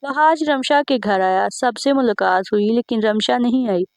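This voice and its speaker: A woman narrating a scripted family story in a steady, plain way. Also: on the high side, moderate pace, no room sound.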